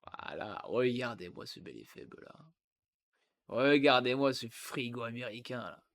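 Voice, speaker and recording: Speaking a little slowly, this football streamer has an expressive, fairly bright mid-range voice. He is from the Yonne in France, older than twenty-five, and runs a laid-back livestream where he jokes on the side and breaks off mid-sentence as he reads aloud.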